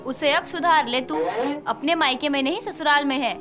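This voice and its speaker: A woman voicing a worried middle-aged mother-in-law in a cartoon story, who scolds gently. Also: sits high, moderate pace, faint music behind.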